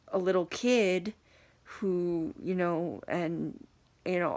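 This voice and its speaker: A young woman giving an unscripted talk to camera, halting and hesitant, with many pauses and fillers. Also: fairly low pitch. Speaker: video blogger reviewing a book.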